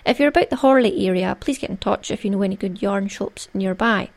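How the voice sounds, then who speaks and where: A woman with a Scottish accent hosts a chatty craft podcast. Her voice sits at a middling pitch with noticeable creak. She talks in a playful, jokey, conversational way, as if straight to her listeners. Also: fairly quick. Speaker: podcast host.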